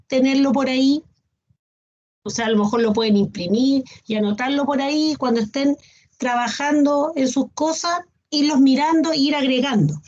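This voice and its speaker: A woman's voice: high-pitched, a little mellow, husky. A woman teacher gives an online class, patiently listing examples and often checking in with her students. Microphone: video call. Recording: dull lo-fi video call audio.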